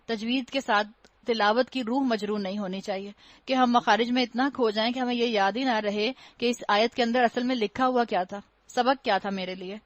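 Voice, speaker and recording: A woman's voice: on the high side, steady tone, no echo, muffled recording. A woman giving a religious lecture, explaining patiently, using rhetorical questions and wry humor, and slipping English words into her talk. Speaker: Quran teacher.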